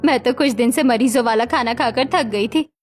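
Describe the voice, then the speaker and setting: Woman doing a bossy middle-aged mother-in-law from a cartoon, scolding and ordering everyone around, kinda high voice. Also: moderate pace, faint music behind, lightly acted. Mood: pleased. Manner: scolding, commanding. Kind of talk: cartoon story voice acting.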